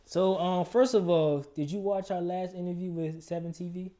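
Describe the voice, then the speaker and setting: A man's voice: sits high, fairly even intonation, normal speed, warm tone. A man hosting a casual interview in a recording studio, asking easygoing, loose questions. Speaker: interview host.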